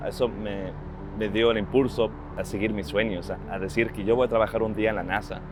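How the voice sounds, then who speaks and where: A social media strategist in his thirties, born in Ecuador, talks earnestly about his work and family in a personal interview, frequently restarting his phrases. His male voice is on the low side, brisk and fairly even in intonation. A clear music bed plays behind him amid background noise.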